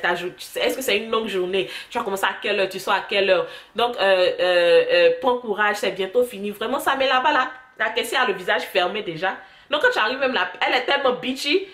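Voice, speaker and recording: A young woman vlogger telling stories to the camera in a chatty, animated way. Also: medium pitch. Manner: chatty storytelling, animated asides. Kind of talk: casual chat to camera. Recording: echoey room.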